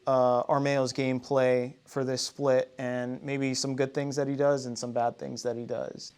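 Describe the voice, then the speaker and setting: A man's voice: medium pitch, little pitch movement, a little slow, a little mellow, clean tone. A man interviewing a coach, asking careful, hesitant questions with fillers.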